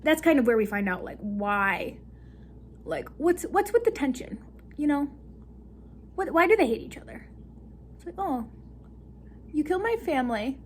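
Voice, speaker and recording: A woman's voice: high-pitched, animated, moderate pace, pauses often, a little hiss or hum. A young woman recapping a book in a casual, giggly, rambling way, breaking into laughter as she talks. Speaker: book vlogger.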